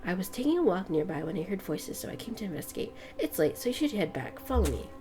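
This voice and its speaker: A woman reading a calm, evasive young man. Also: medium pitch, fast talker.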